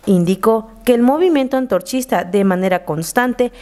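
A woman's voice: fairly high pitch, moderate pace, darkish tone. A woman with a Mexican accent narrating a scripted news report as a reporter. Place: voice-over.

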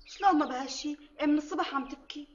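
An actress in a Syrian TV drama playing a sharp-tongued but soft-hearted co-wife, speaking with a Damascene accent. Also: female voice, high voice, very fast, lo-fi sound, slight background noise, natural voice. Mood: coaxing. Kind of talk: TV period drama acting.

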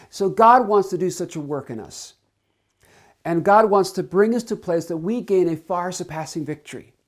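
A man's voice: a little high, darkish tone. A man preaching a sermon, earnest and emphatic, stretching out key words and leading into a spoken prayer.

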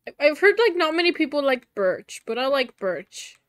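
Young woman, slight Mexican accent, higher voice, giggly casual gaming chat, dry close sound. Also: very animated, moderate pace, fairly bright tone, no room sound. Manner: giggly, chatty, often laughs. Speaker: streamer.

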